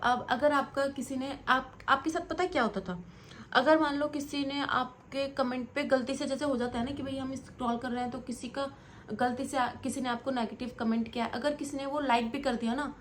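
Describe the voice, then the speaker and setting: Young woman vlogger, high voice, rambling and reproachful commentary. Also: slight background noise. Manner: earnest, scolding, rambling. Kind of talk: direct-to-camera commentary vlog.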